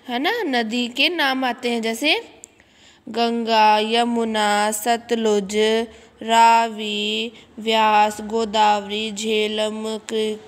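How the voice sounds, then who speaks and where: A woman's voice: a little high, fairly bright tone, in a large hall. A woman teacher giving a grammar lesson, explaining step by step, repeating words and checking in often.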